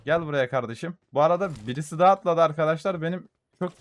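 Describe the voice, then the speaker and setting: A young man giving gameplay commentary for a mobile shooter, excitedly taunting enemies and muttering to his audience, with gunfire behind him. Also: a little high, fast talker, no room sound. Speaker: gaming YouTuber.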